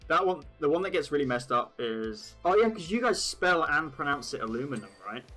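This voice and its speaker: Bright-voiced English streamer, chatty. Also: male voice, fairly high pitch, big pitch swings, normal speed, soft background music, poor audio. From England. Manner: rambling, swearing, laughing at his own jokes. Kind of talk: casual live-stream chat.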